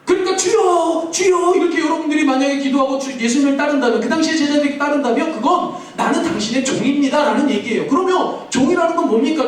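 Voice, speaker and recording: High-voiced man preaching in echoey hall. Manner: playful, asks the kids questions and answers himself. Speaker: youth pastor. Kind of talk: sermon to teenagers. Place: large church hall. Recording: very echoey hall, mic far off, faint room noise.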